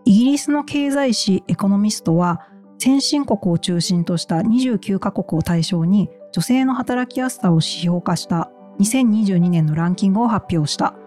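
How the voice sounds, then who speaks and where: A woman with a mellow, relaxed voice at a medium pitch hosts a podcast, moving between scripted introductions and news summaries. Light music plays behind her. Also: moderate pace. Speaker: podcast host. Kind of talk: hosting, reading news summaries and chatting.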